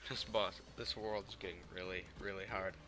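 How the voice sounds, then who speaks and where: A man giving excitable play-by-play commentary over a video game, repeating words when he panics. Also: deep voice, moderate pace, faint music behind. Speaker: gamer.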